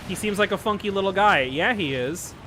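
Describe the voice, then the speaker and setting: A man hosting a casual gaming chat while playing, animated and rambling, laughing often. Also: high voice, brisk, slight background noise. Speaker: gaming channel host. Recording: faint game music behind.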